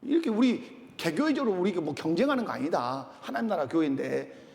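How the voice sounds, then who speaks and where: Animated high-voiced pastor preaching. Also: male voice, brisk, creaky. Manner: animated, calls out questions to congregation. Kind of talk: sermon. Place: church sanctuary. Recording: long church reverb.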